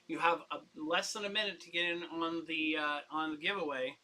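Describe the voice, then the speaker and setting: Bright-voiced chatty man auctioning comics. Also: fairly high pitch, fairly even intonation, a little fast, poor audio. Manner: chatty, upbeat, rambling with restarts and laughs. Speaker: live-stream comic seller. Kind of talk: casual live auction chat.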